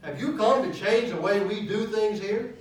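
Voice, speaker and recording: A man's voice: high voice, moderate pace, pitched above the performer's own voice, natural voice. An outraged unclean spirit, put on by a man, barks at a newcomer in a raised, scolding voice. The sound is very echoey and roomy, picked up from across a church hall with a faint hiss behind it. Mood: indignant. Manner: loud, scolding, mock-outraged. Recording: echoey hall, mic at a distance.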